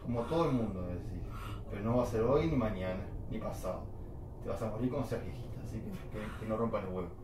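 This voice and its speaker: A man with a Rioplatense Spanish accent running a paranormal session, shifting between loud commands and soft, repeated reassurance. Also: on the low side, quick pace, far from the mic. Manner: commanding then soothing, repeats calming words. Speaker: paranormal investigator. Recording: echoey room with noisy background.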